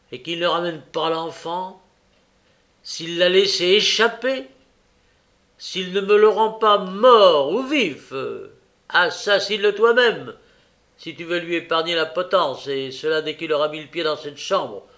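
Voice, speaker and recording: A man reading a novel aloud and voicing a crafty, scheming old male thief who swings between soft coaxing and loud rage. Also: medium pitch. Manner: shifts from wheedling murmurs to loud raging outbursts. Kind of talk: audiobook character reading.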